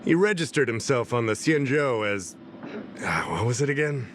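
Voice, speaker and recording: An actor voicing a boisterous, absent-minded male investigator in a video game, talkative and expressive. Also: mid-range voice, normal speed, slight background noise, close to an everyday voice. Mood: breezy, musing.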